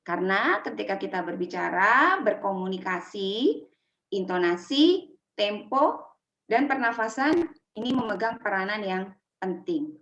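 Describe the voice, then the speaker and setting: A woman teaching public speaking for children to parents in a lively workshop talk, demonstrating intonation as she explains. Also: mid-range voice, measured pace, roomy sound, dull audio.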